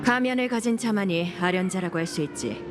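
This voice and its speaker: A woman's voice: mid-range voice, fairly quick, close to an everyday voice. A woman playing a law-abiding sheriff in a game, speaking with formal, courteous authority. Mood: stern, commanding. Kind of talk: scripted game voice acting. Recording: music behind the voice.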